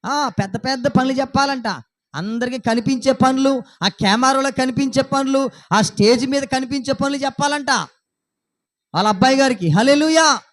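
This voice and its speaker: High-voiced preaching pastor. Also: male voice, moderate pace, fairly bright tone. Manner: preaching with repeated rhetorical questions and acted quotes. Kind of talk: Sunday sermon.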